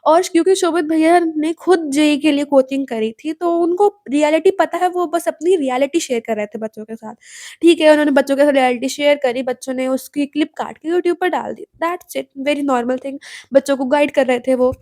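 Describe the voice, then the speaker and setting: A young woman speaks to her viewers in a high, soft-toned voice. She lectures directly and keeps pressing them with pointed questions. The sound is close and dry. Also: normal speed, no echo. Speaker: student commentator. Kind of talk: casual commentary to viewers.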